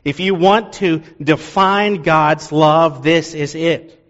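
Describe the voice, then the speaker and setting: A man's voice: fairly high pitch, slow, a bit bright, in a large hall, muffled recording. A man preaching an earnest sermon, explaining a passage and repeating key phrases for emphasis. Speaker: pastor.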